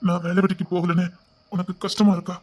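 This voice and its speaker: An actor playing a jobless husband in a family drama, speaking Tamil with a Tirunelveli accent in an anxious, pleading way, at times slowed down by tears. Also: male voice, high-pitched, little pitch movement. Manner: anxious, pleading, cries and slows when upset. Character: jobless husband, guilt-ridden and tender. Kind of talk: web series family drama.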